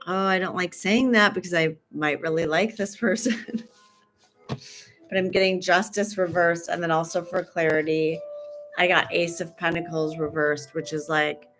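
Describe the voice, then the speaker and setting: Woman, tarot reader hosting a livestream, chatty, rambling, trails off mid-sentence, somewhat low voice. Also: fairly even intonation, normal speed, a bit bright, faint music behind. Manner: joking asides. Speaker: tarot reader and stream host. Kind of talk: casual livestream tarot reading.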